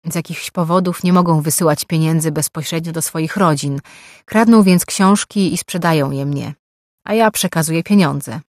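A man's voice: a little high, normal speed, no room sound, clean studio sound, lightly acted. A woman voicing a sly, chatty older male pawnshop owner who talks in a slightly raised, boastful way.

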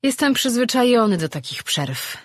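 Reader doing calm amused guy, gently teasing, dry husky read. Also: medium pitch, normal speed, dry recording, pitched above the performer's own voice. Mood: gentle. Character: calm wise male companion, amused and gentle.

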